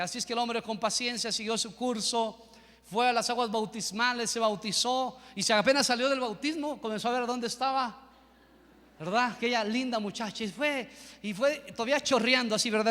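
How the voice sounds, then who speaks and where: High-voiced bright male preacher. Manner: storytelling, rising to fervent preaching. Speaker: pastor. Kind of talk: sermon. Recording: reverberant church hall with music.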